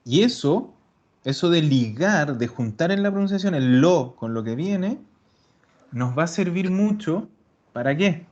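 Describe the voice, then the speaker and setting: A man teaching an online language class, explaining patiently and slowing down to repeat example words. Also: fairly high pitch, expressive, a little mellow. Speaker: Italian teacher. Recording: dull lo-fi recording.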